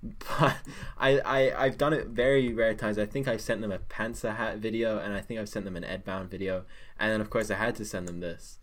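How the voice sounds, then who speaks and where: A man's voice: lowish voice, steady tone, fairly quick, hardly any pauses. A young man on a podcast, gushing about a film in rambling casual chat full of fillers. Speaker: guest.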